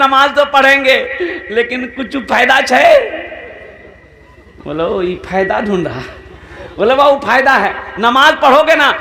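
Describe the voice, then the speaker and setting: A male preacher telling humorous stories in a sermon, acting out the villagers' dialogue in lively voices. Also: extremely high pitch, echoey room. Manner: animated, acts out villagers in dialogue.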